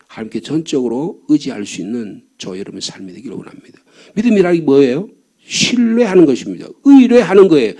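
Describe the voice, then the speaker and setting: In a church sanctuary, an older pastor preaches a fervent dawn sermon in a warm, husky, medium-pitched voice, questioning the congregation and repeating his key points.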